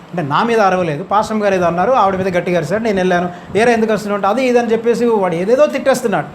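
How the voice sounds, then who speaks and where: A man preaching a sermon in a high voice at a quick clip. He drives his points home with emphatic rising questions to the congregation. Faint room ambience sits behind him. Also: a little hiss or hum.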